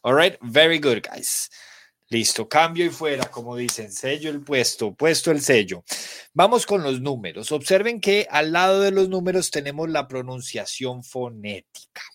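A man's voice: on the high side, expressive, moderate pace, a bit bright, dry recording. A Colombian man teaching a live online English class, spelling letters aloud and praising students by name. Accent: Colombian Spanish.

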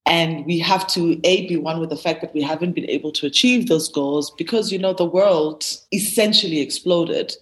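A woman's voice: lowish voice, normal speed, few pauses, low-quality recording. A woman who founded a creative agency, talking earnestly and animatedly in a casual interview, with lots of fillers.

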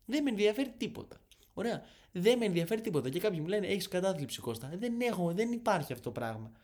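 A man's voice: high-pitched, big pitch swings, darkish tone. A young man in his twenties hosting a comedic rant, sarcastic and swearing freely. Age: 20s. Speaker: podcast host.

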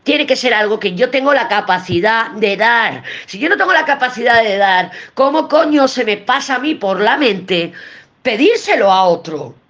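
A woman's voice: fairly high pitch, expressive, normal speed, a bit bright, dull audio. A woman with a Spain Spanish accent giving a weekly tarot reading, blunt and emphatic, swearing and repeating herself for emphasis. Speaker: tarot reader.

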